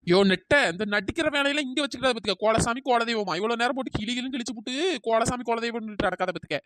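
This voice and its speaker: A voice actor playing a suspicious, dramatic young wife in a comic cartoon, wailing and accusing through a pitch-shifted cartoon voice. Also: rapid-fire, a bit bright, no room sound, studio quality. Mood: bossy. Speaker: cartoon character.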